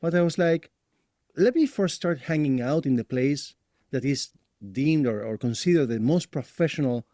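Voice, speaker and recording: Dark-voiced man from Argentina. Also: fairly high pitch, moderate pace, no room sound, clean studio sound. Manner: animated storyteller, laughs often. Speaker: guest. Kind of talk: casual interview.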